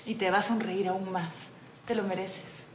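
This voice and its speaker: A woman's voice: medium pitch, steady tone, normal speed, background noise, close to an everyday voice. An actress playing a seductive businesswoman on a date in a telenovela. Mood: flattering. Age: 30s. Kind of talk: telenovela acting. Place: bar. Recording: loud music behind.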